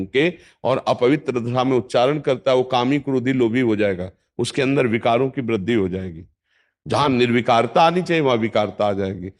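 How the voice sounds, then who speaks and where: An older man with a North Indian Hindi accent, a spiritual teacher giving a firm, instructive devotional discourse with emphatic repetition. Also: medium pitch.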